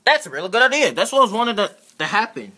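A man with a husky voice play-acts cartoon-style characters in a halting, excitable way, stumbling and repeating words. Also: high-pitched. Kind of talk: improvised character play-acting for a fan video.

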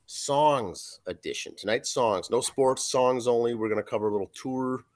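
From a small room at home on a video call webcam, a hoarse forties-aged man co-hosts a casual podcast reviewing an album. He reads facts and track lists from notes with fillers, at medium pitch and a moderate pace.

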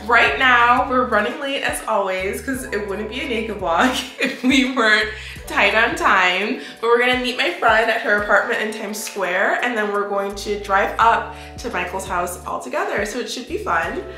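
A woman's voice: fairly high pitch, expressive, normal speed, pushed and bright, soft background music. A woman in her twenties vlogging to a handheld phone camera, chatty and upbeat, laughing often. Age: 20s. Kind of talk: casual vlog talk to camera. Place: on the move around the city, partly outdoors.

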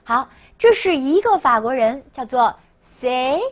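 A woman teaching a language lesson, often slowing down to repeat words for learners to copy. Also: high-pitched, lively intonation. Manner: slow, exaggerated repetition of words for learners. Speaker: French teacher.

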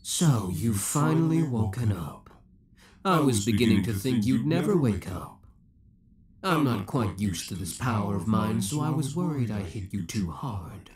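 With crowd noise in the background, a man with a lowish, sing-song voice speaks at a measured pace, playing an obsessive young villain in a roleplay audio drama. Theatrical and formal, he taunts with cold affection, sounding possessive, menacing and controlled.

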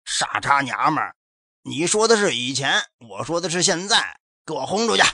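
A bullying thug leader speaks with sneering menace, as a male narrator puts him on. The voice sits a little high and dry. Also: sing-song, moderate pace, sharp tone, husky, dry recording, heavily acted. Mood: menacing. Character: fat, arrogant thug leader, bullying man.

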